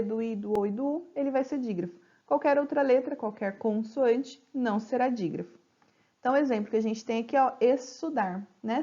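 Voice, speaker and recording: Professora explicando devagar, som abafado. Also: female voice, on the high side, dark tone, muffled recording. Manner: explains patiently, stretches example words slowly. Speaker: teacher. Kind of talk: slide-based grammar lesson. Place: home.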